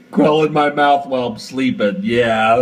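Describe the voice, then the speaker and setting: Standing indoors at a metal sink, a man with a mid-range voice films himself on a handheld phone, improvising theatrically, swearing and reacting melodramatically. The mic is distant and the recording rough.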